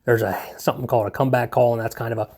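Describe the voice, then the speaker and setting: A man's voice: medium pitch, steady tone, very fast, heavy background noise. A man giving a casual, unscripted how-to in a hesitant, self-deprecating, laid-back way, rambling as he goes. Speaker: video presenter giving a hobby how-to. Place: indoors at home.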